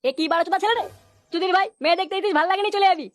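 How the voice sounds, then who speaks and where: Fast, shrill woman in a crude cartoon. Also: fairly even intonation, no echo. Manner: rapid, crude, shouting. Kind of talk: cartoon comedy voice acting.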